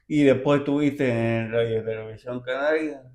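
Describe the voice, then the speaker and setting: A man hosting a podcast, asking relaxed questions with short backchannels. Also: medium pitch, normal speed. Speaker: podcast host. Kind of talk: casual interview chat.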